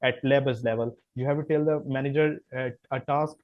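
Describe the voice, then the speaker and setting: On a podcast, a chemical engineer with a Pakistani accent who speaks Punjabi fields interview questions, stumbling through fillers and restarts. The voice is mid-range with fairly even intonation, and the sound is lo-fi.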